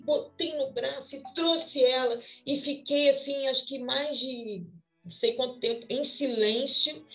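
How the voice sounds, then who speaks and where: A Brazilian woman with a fairly high voice tells a heartfelt story in conversation. She is lively and expressive, restarting phrases as she goes, and faint music plays underneath. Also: rough recording. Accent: Brazilian Portuguese. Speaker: pastor. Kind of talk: emotional testimony in conversation.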